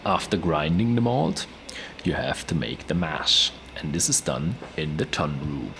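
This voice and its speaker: A male tour presenter with a very low, gravelly voice describes the sights in a lively, varied pitch. It is a noisy location recording with ambient hum behind him. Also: unhurried.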